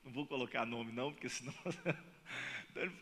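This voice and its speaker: A man's voice: medium pitch, fairly even intonation, quick pace, sharp tone. A Brazilian man preaching a sermon as pastor, acting out dialogue in different voices. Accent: Brazilian Portuguese. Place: church hall. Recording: long reverb of a church hall.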